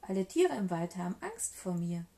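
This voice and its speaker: A woman's voice: fairly low pitch, very animated, moderate pace, mellow. A woman voicing a small, clever, boastful mouse in a children's storybook reading. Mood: cheeky.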